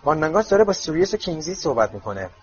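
A man's voice: fairly high pitch, sing-song, soft background music. A man doing a cheeky teenage boy. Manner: quick, teasing. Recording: dull lo-fi audio.

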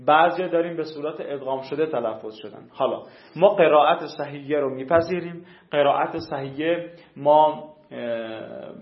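Male teacher lecturing in a classroom, quizzes students, roomy and muffled sound. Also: mid-range voice. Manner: explains patiently, quizzes students. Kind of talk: classroom lecture on Quranic recitation rules. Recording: echoey room, dull lo-fi sound.

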